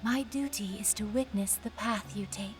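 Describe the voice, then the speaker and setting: A woman's voice: medium pitch, normal speed, husky. A woman voicing a solemn young female attendant of a mystic room, speaking in a formal, archaic, grave way. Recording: game audio with background music.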